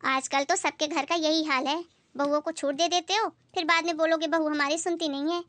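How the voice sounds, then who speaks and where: A woman's voice: sits high, fairly even intonation, a little fast, a bit bright, dry recording. A woman playing a meddlesome, gossipy middle-aged neighbor in a comedy skit. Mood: gossiping. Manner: gossipy, breathless, busybody.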